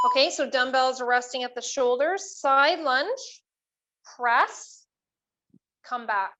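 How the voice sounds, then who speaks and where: A woman with a high-pitched, forceful, bright voice leads exercise as an aerobics instructor. She gives short, encouraging cues and clear step-by-step instructions. The audio is slightly dull and lo-fi. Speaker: fitness instructor leading a workout.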